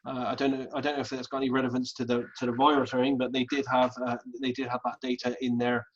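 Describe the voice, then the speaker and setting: A man hosting a casual group video call, speaking in a halting way and repeating words as he thinks aloud. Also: medium pitch, flat delivery. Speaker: host. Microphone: video call mic. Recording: dull lo-fi video call audio.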